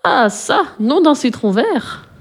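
A kindly green witch who talks gently and a little higher, friendly and soft, as a woman reads her aloud. Her voice is mellow and warm. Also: animated, a little fast.

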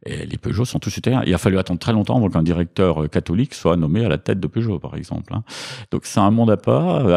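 Interview guest: deep, mellow man, measured and hesitant. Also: creaky, husky. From Franche-Comté, France. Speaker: historian guest. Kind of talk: interview answers, explanatory.

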